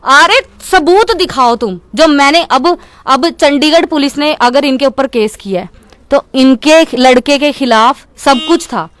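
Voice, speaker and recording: A woman's voice: sits high, a little slow, fairly bright tone, no echo. A young woman from Chandigarh giving a heated media interview, speaking in an indignant, insistent way. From Chandigarh, India. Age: young adult. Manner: indignant, insistent, keeps repeating "okay".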